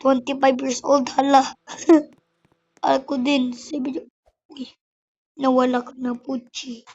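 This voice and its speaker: Woman YouTuber, high voice, unhurried, excitable game chatter. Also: highs cut off. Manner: excitable, chatty, code-switching, frequent exclamations. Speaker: YouTuber playing an online game. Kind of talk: casual gameplay commentary.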